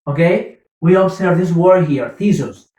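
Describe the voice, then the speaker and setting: A man's voice: a little high, a little slow, mellow, recorded from a distance. A man teaching an English vocabulary lesson, patiently repeating words and checking that students follow. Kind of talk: slow classroom explanation. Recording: roomy, from the mic.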